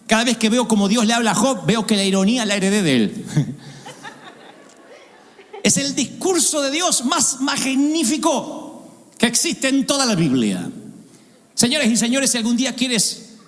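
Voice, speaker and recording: A man's voice: high-pitched, long reverb tail. A man preaching a sermon, dramatic and ironic, acting out voices and jokes. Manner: dramatic, acts out voices with irony and humor.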